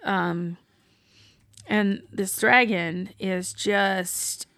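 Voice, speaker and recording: Gravelly-voiced woman gushing over a show. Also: mid-range voice, extremely slow, no echo. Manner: excited, swears freely, recaps scenes with gusto. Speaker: podcast co-host. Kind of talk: casual TV recap chat.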